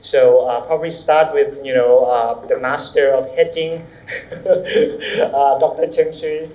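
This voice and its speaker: A man's voice: medium pitch, steady tone, slow, dark tone. A man moderating a panel with informal introductions, speaking hesitantly in loose phrases and searching for words. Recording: echoey, slightly dull, faint noise.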